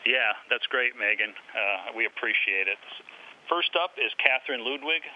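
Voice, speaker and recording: A man's voice: mid-range voice, animated, normal speed. A man leading a ground team on a space-to-ground radio transmission, following radio call protocol and introducing colleagues. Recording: muffled radio link with hiss.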